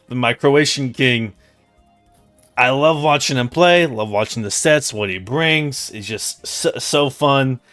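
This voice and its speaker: A man's voice: mid-range voice, fairly bright tone, dry recording. A man co-hosting casual commentary, playful and enthusiastic. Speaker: co-host.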